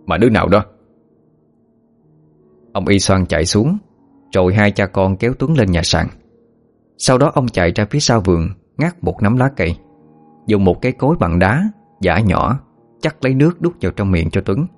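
Guy narrating a story, lowish voice, faint music behind. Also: normal speed. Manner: steady, even storytelling. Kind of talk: scripted narration.

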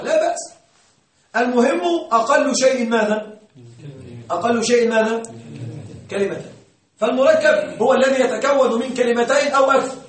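High-voiced man teaching in an echoey classroom. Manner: repeats questions to the class and answers them. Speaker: grammar teacher. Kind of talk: classroom lecture. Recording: roomy, distant mic.

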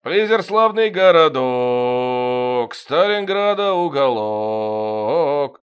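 A man voicing a one-armed old soldier sergeant in an audiobook, eager, loud and rambling. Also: mid-range voice, expressive, extremely slow, clean tone.

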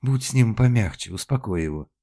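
A man's voice: medium pitch, animated, a little fast, mellow, pitched above the performer's own voice. A man voicing a frightened young actress in an audiobook, urgent and pleading in his delivery. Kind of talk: audiobook character voice.

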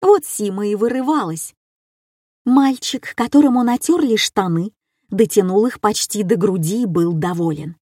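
A woman narrating a humorous story in a wry, deadpan manner. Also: medium pitch, moderate pace, breathy edge, no echo, clean studio sound.

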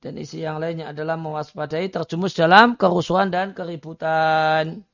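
A man's voice: on the high side, flat delivery, moderate pace, vocal fry, a bit bright, no echo. A man giving a religious study lecture, reading Arabic lines and explaining them, with frequent hesitation fillers. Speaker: Islamic religious teacher. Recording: dry, dull lo-fi recording.

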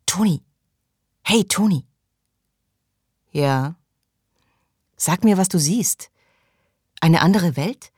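A woman playing an impatient young woman in an audiobook, pressing and pleading with restless energy. Her tone is low-set for a woman and the sound is dry and close. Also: expressive, slow pace, pauses often, a little mellow, slightly rough, dry recording, heavily acted. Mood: coaxing. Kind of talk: audiobook reading.

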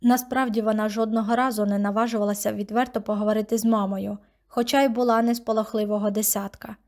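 A woman narrating an audiobook with steady, measured reading. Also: medium pitch. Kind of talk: scripted narration.

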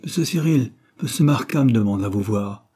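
A man doing a deferential household maid who answers politely and does her duty. The voice is soft, warm and slightly husky. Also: on the low side, expressive, normal speed. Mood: dutiful. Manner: polite, dutiful. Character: deferential female house servant.

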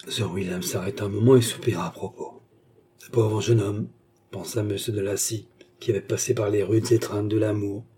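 A male narrator reads a classic novel in a measured, expressive manner. His tone is dark and mellow, with a husky grain. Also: fairly low pitch. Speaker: audiobook narrator.

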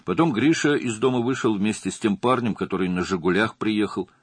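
Guy reading as a jumpy chatty witness, deep husky voice, dry close sound. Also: a little fast, dry recording. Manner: chatty and defensive. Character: nervous young male witness, talkative and eager to please.

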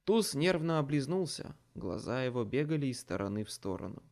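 Expressive male audiobook narrator. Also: medium pitch, a little fast, gravelly. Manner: dramatic, expressive storytelling. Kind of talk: scripted first-person audiobook narration.

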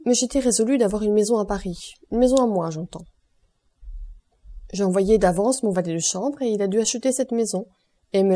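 This audiobook reader narrates a classic novel from a script, keeping her pace steady and measured. The voice is warm and mellow at mid pitch, with the characters set apart by just a light variation in tone.

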